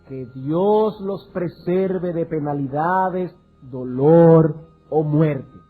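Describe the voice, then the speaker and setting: A man preaching a sermon, reading scripture and then urging his listeners in an emphatic style with big swings in pitch and loudness. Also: slightly rough, phone-quality sound. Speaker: pastor.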